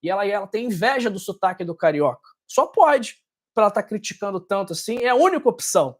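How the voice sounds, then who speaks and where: A woman's voice: mid-range voice, animated, quick pace. A woman hosting a health video channel, speaking directly and emphatically to her viewers as she signs off. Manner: emphatic, insistent sign-off.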